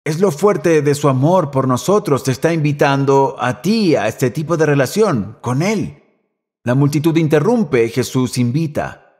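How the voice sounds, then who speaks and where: A male pastor delivering a sermon with a lively, wide-ranging voice that sits a little higher than most men's. He moves from emphatic, raised lines down to soft, hushed ones. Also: moderate pace. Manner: dramatic, swings from emphatic calls to hushed near-whispers.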